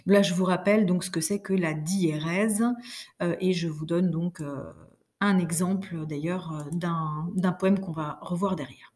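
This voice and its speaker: Mellow-voiced woman teaching a lesson. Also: lowish voice, steady tone. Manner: explains patiently, reads verse aloud slowly with rhythm. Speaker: French teacher. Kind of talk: recorded class lesson.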